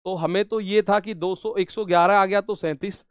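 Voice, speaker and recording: High-voiced man teaching maths. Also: fairly even intonation, normal speed, clear, resonant tone, no room sound. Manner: repetitive, coaxing, addresses students as brother. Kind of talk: exam-prep maths lesson.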